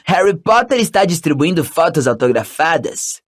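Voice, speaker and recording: A man's voice: a little high, sing-song, moderate pace. A man voicing an arrogant, scornful rich schoolboy bully in an audiobook, with a mocking drawl. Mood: sneering. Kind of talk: audiobook character voice.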